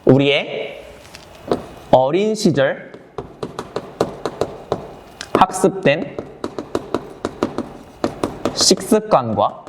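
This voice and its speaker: A male English teacher talks through a reading passage, asking his students questions and answering them himself. His voice sits a little higher than most men's. A faint hiss and a few clicks run under the recording. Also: expressive, extremely slow, pauses often. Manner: explains sentence by sentence, asks and answers his own questions; switches between English words and explanation, addresses students directly. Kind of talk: online exam lecture.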